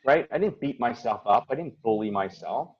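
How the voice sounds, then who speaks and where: Husky and animated, this male host and coach talks at a normal speed with a medium pitch on a motivational call, the recording missing its highs. His manner is casual yet earnest and reflective, and he acts out his inner voice.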